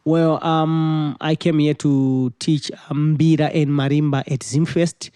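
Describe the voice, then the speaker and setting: A man, a musician answering interview questions in a halting way and repeating words as he searches for phrasing. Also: fairly high pitch, flat delivery, mellow, smooth, no room sound, clean studio sound. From Zimbabwe. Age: 20s. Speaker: musician guest.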